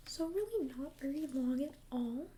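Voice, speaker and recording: A woman in an ASMR role-play as a friendly, chatty librarian, speaking in a soft, breathy library soft voice with a gentle, hesitant conversational manner. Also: sits high, expressive, moderate pace, slight background noise. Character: friendly, chatty female librarian recommending books.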